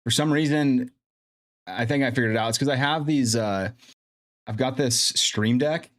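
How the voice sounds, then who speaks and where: A man's voice: medium pitch, moderate pace. A man hosting a casual live stream, thinking aloud as he troubleshoots his mic and sound setup. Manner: chatty, thinks aloud while fixing audio. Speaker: livestream host. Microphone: streaming mic with in-ear monitoring. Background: faint background music.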